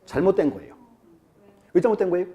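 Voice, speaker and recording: A man's voice: high voice, very animated, fast talker, mellow, lo-fi sound. A male lecturer teaching a class in a chatty way, quizzing students and acting out quotes. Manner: chatty, asks the class questions and acts out quotes. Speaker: real estate law lecturer.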